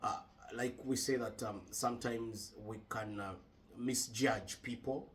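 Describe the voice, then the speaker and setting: A man from Uganda co-hosting a casual podcast chat, measured and thoughtful with frequent hesitations. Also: medium pitch, steady tone, distant mic, a little hiss or hum. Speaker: podcast co-host.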